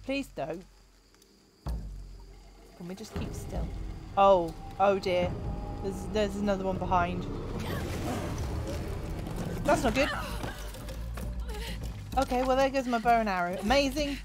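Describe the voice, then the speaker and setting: A woman's voice: medium pitch, takes it slowly, pauses often. A woman streaming a game, reacting nervously and talking back to the game as she plays. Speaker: gaming streamer. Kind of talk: live game commentary. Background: game music and sounds.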